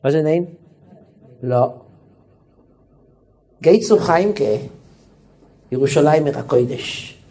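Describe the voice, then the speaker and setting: A man's voice: fairly high pitch, long pauses. A man, a rabbi, telling a family story in a religious lecture, acting out the voices. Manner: animated storyteller, acts out every voice.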